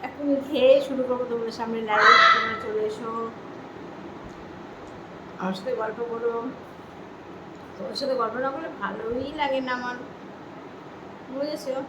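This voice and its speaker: With a fairly high voice, a moderate pace and long pauses, a middle-aged vlogger talks casually to her viewers, repeating herself along the way. She is out of breath from her walk, and the sound is echoey, with loud noise in the background.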